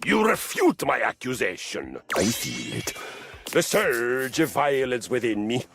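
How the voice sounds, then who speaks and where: A towering Viking warrior with a Swedish accent boasts in a booming, theatrical voice. His pitch leaps wildly and he stretches his words slowly. A gravelly edge runs through his voice, with faint music behind him. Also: big pitch swings, a bit bright, exaggerated voice. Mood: bombastic. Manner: booming, theatrical, self-aggrandizing.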